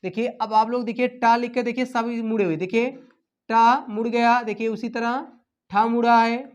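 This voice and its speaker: A woman teaching an exam-prep Hindi lesson, asking "what?" and repeating each answer back as a drill, her voice dropping quietly at the ends of phrases. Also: fairly high pitch.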